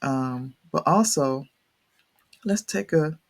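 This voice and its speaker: A man's voice: medium pitch, lively intonation, slow pace. A man with a thick Southern US accent, talking casually and off the cuff as he hosts a rambling, folksy map tour. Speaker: real estate video host.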